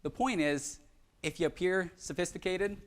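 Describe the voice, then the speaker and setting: A man's voice: high-pitched, normal speed. A young man giving a live presentation, telling self-deprecating stories with humor. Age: young adult. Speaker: conference speaker.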